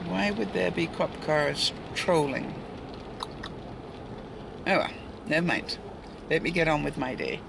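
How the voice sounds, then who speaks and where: Out by a busy street in light rain, an older daily vlogger rambles to her viewers, chuckling and adding asides. She speaks unhurriedly in a low voice with vocal fry and long pauses, while traffic and street noise run through the recording.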